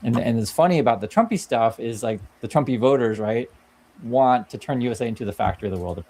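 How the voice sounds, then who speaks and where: Here a man from Vietnam talks quickly in a warm, mid-range voice while narrating a video clip. His explainer commentary stays casual and conversational, and "right?" pops up again and again.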